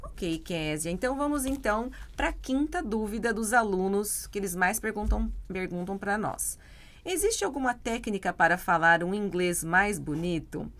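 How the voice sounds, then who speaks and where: A woman's voice: mid-range voice, expressive, moderate pace, fairly bright tone, slight background noise. A Brazilian woman English teacher co-hosting a podcast, chatting casually and explaining with examples and frequent tag questions.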